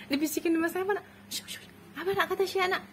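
A woman's voice: very high-pitched, heavy background noise. A woman filming children for a family vlog, cooing, cheering and laughing often as she talks to them. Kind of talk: casual family vlog chatter.

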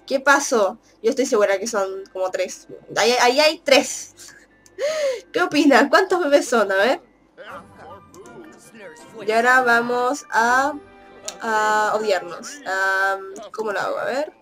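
A woman's voice: fairly high pitch, lively intonation, a little slow, pauses often, a bit bright. A young woman chatting casually as she plays a life-simulation game, laughing and teasing the characters. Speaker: gaming YouTuber. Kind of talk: casual Let's Play commentary. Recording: faint background game music.

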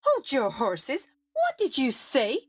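A woman's voice: sits high, huge pitch swings, slow pace, breathy edge, full character voice. A woman voicing a vain, haughty amateur diva who wants the spotlight. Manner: haughty, indignant. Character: vain diva Sissy, wants star billing.

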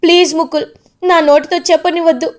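Grief-struck father, cries out loud, high and strained woman doing the voice. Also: steady tone, a little fast. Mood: wailing grief. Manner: crying, shouting. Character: grieving middle-aged father, wailing.

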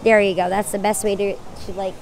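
A woman's voice: mid-range voice, flat delivery, a little fast, vocal fry, noisy background. A young woman chatting casually with viewers on a live stream. She sounds tired, says she is losing her voice, and rambles as she thanks people by name.

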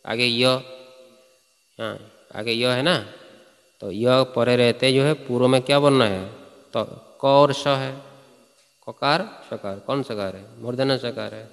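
Hindi-speaking man teaching Sanskrit grammar. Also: mid-range voice. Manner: asks students frequent check questions; recites Sanskrit sutras then explains. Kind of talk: classroom lecture. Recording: reverberant hall.

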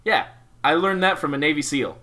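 A man's voice: on the high side, lively intonation, fairly quick, over a noisy crowd. A man co-hosting a casual comedy podcast who drops dry, jokey interjections. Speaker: podcast co-host.

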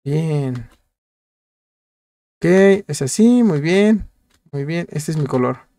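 A man with a fairly high voice gives playful, chatty commentary as he plays, often repeating short words in quick bursts. He addresses his viewers directly and jokes along the way. The sound is dry and close, with no room around it. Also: animated, mellow, no room sound. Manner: chatty, jokey, talks to viewers while playing. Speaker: gameplay youtuber. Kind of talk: casual game commentary.

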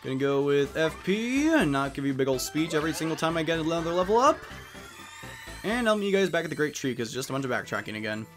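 With faint game music behind him, a young man hosting a let's play talks fast in a fairly high, animated voice. He tosses out wry asides and voices the game's on-screen text in character.

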